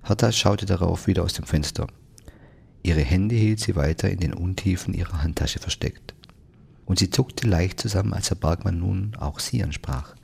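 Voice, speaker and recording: A man narrating an audiobook in a wry, measured way. His voice sits very low, gravelly and husky. Each sentence is laid out calmly. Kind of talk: scripted narration.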